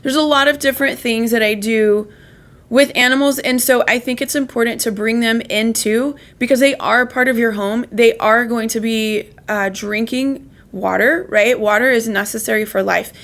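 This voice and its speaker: A woman's voice: a little high, steady tone, moderate pace, fairly bright tone. A woman, a holistic chiropractor and pet health coach hosting a show, giving casual advice in an earnest, chatty way with frequent "right?" asides.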